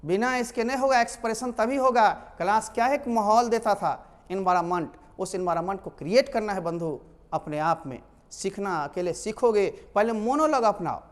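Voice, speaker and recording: A man teaching a spoken English lesson online, energetic and emphatic as he drills pronunciation out loud. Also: high-pitched, moderate pace, big-room sound.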